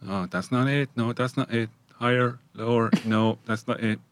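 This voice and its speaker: A man hosting a radio show, teasing his guests in quick, joking banter from the studio. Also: medium pitch, steady tone, a little hiss or hum. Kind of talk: casual chat.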